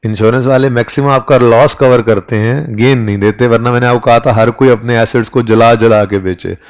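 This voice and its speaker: A man's voice: mid-range voice, fairly even intonation, brisk. A man giving a classroom accounting lecture, talking conversationally and often checking in with his students. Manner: conversational, keeps checking in with "ठीक है?". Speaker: accounting teacher.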